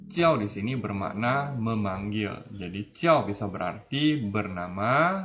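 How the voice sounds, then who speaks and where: Slow, patient male language teacher. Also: lowish voice, a bit bright. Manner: explains slowly, repeats each word and phrase. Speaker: Mandarin teacher. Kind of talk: language lesson in Indonesian.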